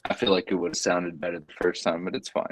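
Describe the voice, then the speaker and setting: A man's voice: deep voice, level tone, fast, a little hiss or hum, poor audio. A man hosting a sports podcast over a video call, dry and teasing as he reads out betting lines. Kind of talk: casual sports podcast chat.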